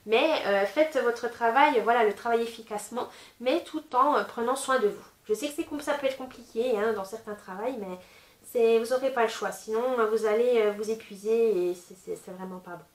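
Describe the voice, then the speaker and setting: A woman giving a casual tarot reading, chatty and gently advising, with many fillers. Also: fairly high pitch, moderate pace, reverberant. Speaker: tarot reader.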